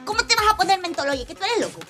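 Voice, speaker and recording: A woman's voice: very high voice, sing-song, very fast, over loud music. An actress playing an exasperated young woman who scolds impatiently.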